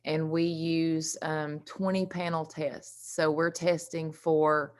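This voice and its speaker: Low-voiced Southern woman with a drawl. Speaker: recovery housing program director. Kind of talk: informal presentation on an online meeting.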